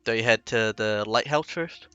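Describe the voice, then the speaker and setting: A man narrating as game master of a tabletop game, laid-back and halting. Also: on the low side, sharp tone, clean tone, dry recording, highs cut off, soft background music.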